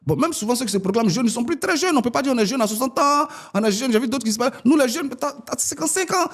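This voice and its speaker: Animated man in his forties. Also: fast talker. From Ivory Coast. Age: 40s. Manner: animated, rising pitch when arguing. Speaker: political guest. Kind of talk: political interview.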